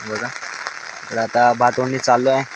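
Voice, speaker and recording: A man's voice: medium pitch, level tone, a little slow, crowd noise. A man with a Konkan Marathi accent, narrating a farm vlog outdoors by the rice paddies, coaxing a child and laughing. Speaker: farm vlogger. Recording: noisy outdoor phone recording.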